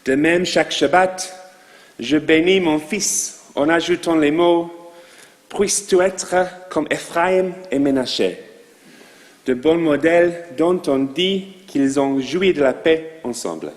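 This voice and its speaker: Rabbi preaching in French with a foreign accent; slow, fairly high voice, long reverb of a synagogue hall. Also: male voice, lively intonation. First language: not French. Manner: slow, measured delivery with asides to the audience. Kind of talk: sermon to a congregation.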